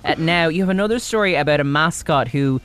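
A radio host in a studio, introducing a guest and joking in quick asides. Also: mid-range voice, a bit bright. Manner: jokey, playful, quick asides. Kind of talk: casual radio chat.

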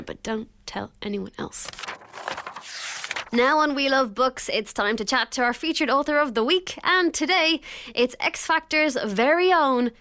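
Woman, fairly high pitch, dry studio-like sound, show host, presenting to children. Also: a bit bright, no room sound. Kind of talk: scripted presenting and interviewing for a children's book show.

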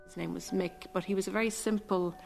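A woman with an Irish midlands border accent from Cavan, telling personal memories in a thoughtful, halting way. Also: mid-range voice, steady tone, creaky, darkish tone, soft background music. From County Cavan, Ireland. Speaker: interviewee recalling own life. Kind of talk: reflective personal storytelling.

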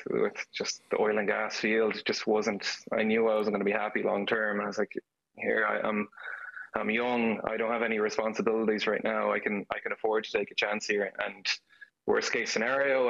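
A man's voice: lowish voice, vocal fry, fairly bright tone, muffled recording. A man in his thirties from Galway with a west of Ireland accent, talking casually as an interview guest. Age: 30s. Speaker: interview guest, YouTube creator.

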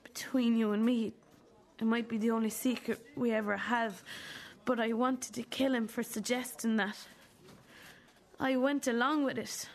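A woman acting as a wounded, bitter adult daughter in a drama, accusing her mother in a halting, deliberate way. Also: a little high, fairly even intonation. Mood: hurt, confiding. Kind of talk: dramatic two-hander dialogue.

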